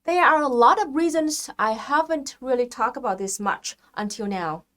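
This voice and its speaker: A woman's voice: high voice, expressive, moderate pace, fairly bright tone. A woman from Vietnam, hosting her own channel and delivering scripted commentary in an earnest, explanatory way. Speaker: video host.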